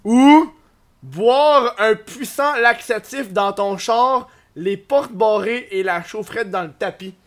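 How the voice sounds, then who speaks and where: A Québécois man with a high-pitched voice hosts a loose comedic interview. He fires off playful, crude teasing questions in a relaxed, joking way. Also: takes it slowly. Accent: Québécois French. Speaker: podcast host.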